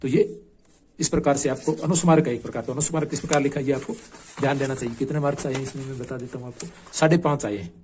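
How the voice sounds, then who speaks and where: A man's voice: mid-range voice, steady tone, fast, a little mellow, a little hiss or hum. A man coaching exam candidates, going patiently through a marked answer sheet and repeating the key points.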